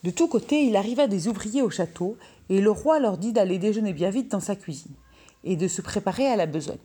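A woman reading a fairy tale aloud in steady, clear storybook narration. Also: mid-range voice, a little fast.

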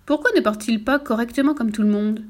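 A woman's voice: a little high, brisk, close to an everyday voice. A woman voicing a bold, cheeky and very strong little redheaded girl in a storybook reading, with a carefree, impertinent manner.

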